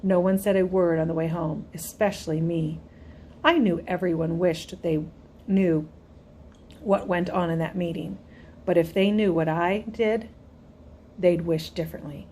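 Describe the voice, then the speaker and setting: A woman narrating a first-person audiobook in an even, storytelling delivery. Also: fairly low pitch, unhurried, a little hiss or hum.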